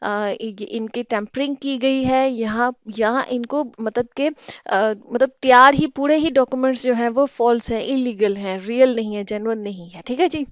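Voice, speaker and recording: A woman's voice: on the high side, normal speed, clear, resonant tone, no room sound, highs cut off. A woman teaching English vocabulary in Hindi, explaining patiently and often checking "ठीक है?".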